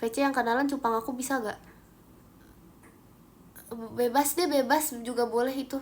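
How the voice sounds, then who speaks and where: A young Indonesian woman with a high, bright voice chats casually on a livestream, reacting to viewer comments with giggles and quick asides. She sounds close to a phone mic, with faint room noise behind her. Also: fairly even intonation. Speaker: idol livestream host.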